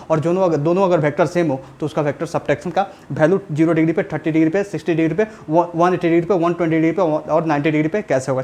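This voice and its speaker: Fast-talking male physics teacher. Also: high-pitched, darkish tone. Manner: repeats checks for understanding, chatty and colloquial. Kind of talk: classroom lecture at a whiteboard.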